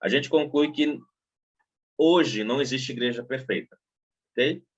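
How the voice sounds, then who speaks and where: Um apresentador brasileiro comenta teologia numa conversa, hesitando e repetindo palavras enquanto organiza o raciocínio. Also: male voice, mid-range voice, measured pace, slightly rough. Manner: hesitant, repeats words while building a point. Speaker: podcast host. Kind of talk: casual theological conversation. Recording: dull, muffled sound.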